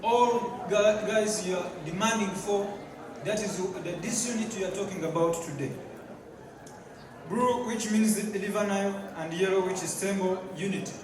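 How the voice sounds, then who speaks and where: High-voiced man speaking in a hall. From Tanzania. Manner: halting, with fillers and repeated words. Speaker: guest speaker. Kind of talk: public speech. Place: large hall at a community event. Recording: echoey hall, distant mic, crowd. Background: crowd.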